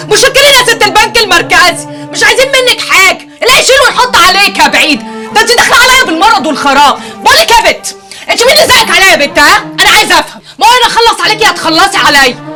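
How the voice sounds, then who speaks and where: Brief: a shrill, quick-tempered Egyptian alley woman, with insults tumbling out and music beneath. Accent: Egyptian Arabic, Cairo popular. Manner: rapid shouting insults, folksy. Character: loud brash working-class alley woman, quick-tempered. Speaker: actress in a TV comedy series. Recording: TV drama audio with loud music.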